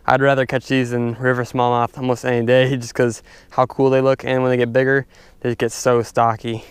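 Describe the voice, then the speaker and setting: A young man casually narrating his fishing from a stand-up paddleboard on a lake, chatty and excitable, talking to his viewers. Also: medium pitch, a little fast, smooth, no room sound. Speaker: fishing vlogger. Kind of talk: casual outdoor commentary. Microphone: head-mounted action camera.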